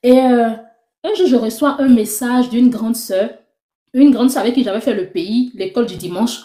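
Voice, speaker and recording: A young woman giving a lively personal faith testimony, acting out the conversations she tells. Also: on the high side, normal speed. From Ivory Coast. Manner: animated storytelling, acting out dialogue. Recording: roomy echo.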